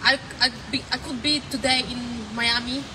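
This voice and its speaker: Earnest Polish woman, halting testimony. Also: high voice, fairly even intonation. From Poland. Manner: earnest, halting, repeats phrases. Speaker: street testimony speaker. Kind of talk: personal testimony. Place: city street at night, in the rain. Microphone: handheld mic held by interviewer. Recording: noisy outdoor street recording. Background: street traffic.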